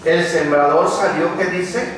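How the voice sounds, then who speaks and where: High-voiced preacher in an echoey hall. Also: male voice, unhurried, crowd noise. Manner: asks the congregation rhetorical questions. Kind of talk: sermon. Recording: echoey hall, mic far off.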